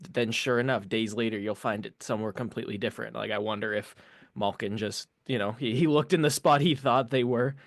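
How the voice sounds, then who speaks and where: A man's voice: mid-range voice, no room sound. Hesitant man with a dry close sound. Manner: hesitant, thoughtful, quick asides. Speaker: podcast co-host. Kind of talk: casual sports podcast chat.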